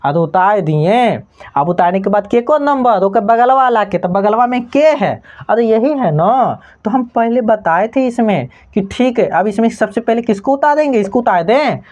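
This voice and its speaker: A woman's voice: on the high side, expressive, moderate pace, darkish tone. A woman with a Bhojpuri-tinged Hindi accent teaching a math lesson, who keeps asking the class whether they have understood. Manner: keeps checking understanding with repeated questions. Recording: slightly dull lo-fi recording.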